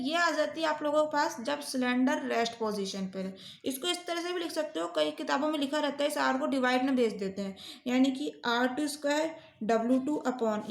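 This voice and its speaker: Woman maths teacher, high voice, echoey room, walks through each step and quizzes the class. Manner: explains step by step, often asks students questions. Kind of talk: whiteboard maths lecture.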